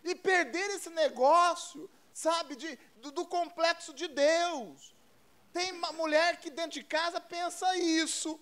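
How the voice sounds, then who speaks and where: Brazilian male pastor, high voice, chatty folksy sermon delivery with lots of repetition. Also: fairly even intonation, slow, a bit bright. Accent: Brazilian Portuguese. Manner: conversational, repetitive, folksy storytelling. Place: church service.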